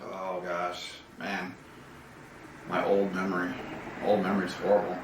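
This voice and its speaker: A man's voice: low-pitched, monotone, measured pace. A man, an actor, chatting as a podcast guest in a laid-back, rambling way, laughing often. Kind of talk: casual interview chat. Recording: roomy, distant mic with faint hiss.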